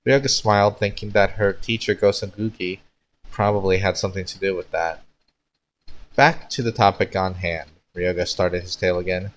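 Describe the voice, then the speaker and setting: A man with a fairly low voice on a casual livestream. He reads his own story aloud and talks to viewers in a hesitant, unpolished manner. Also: fairly even intonation, normal speed. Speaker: streamer.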